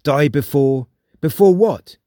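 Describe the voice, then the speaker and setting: A man voicing a shaken young man haunted by a ghost, stammering and flustered, pitched a little above his own voice. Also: lively intonation, slow, dark tone, no room sound, clean studio sound. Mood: troubled.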